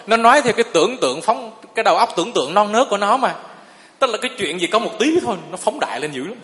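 A man's voice: high-pitched, a bit bright. A man, a Buddhist monk giving a sermon in a folksy storytelling way and often asking the listeners if they agree. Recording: long reverb of a hall.

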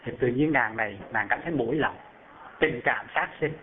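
A man's voice: medium pitch, moderate pace, a little hiss or hum. A man preaching a Buddhist sermon through a parable, telling the story and asking his listeners rhetorical questions. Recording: phone-like narrow band.

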